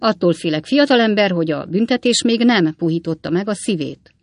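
A woman's voice: low-pitched, expressive, darkish tone, dry recording. Woman doing a pompous hypocritical preacher. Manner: pompous, solemn. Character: pompous hypocritical red-nosed male preacher.

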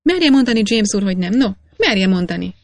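A woman reading aloud, voicing a boastful, excitable old male master miner in a storybook. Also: medium pitch, no echo. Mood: eager. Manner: boastful, insistent.

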